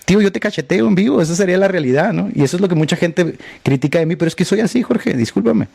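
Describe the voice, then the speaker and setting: A blunt man hosts a livestream and rants with sarcasm at a critic. His voice sits a little high but sounds mellow and relaxed. The sound is dry, close and without room echo. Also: fast talker, creaky, breathy edge. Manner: repeatedly addresses a critic by name. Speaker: podcast host. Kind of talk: livestream monologue.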